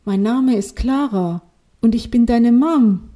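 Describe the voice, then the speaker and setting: A woman voicing a gentle mother who has been reborn as a glowing fairy snail. She speaks softly and reassuringly. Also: fairly high pitch, slow, pitched above the performer's own voice. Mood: tender.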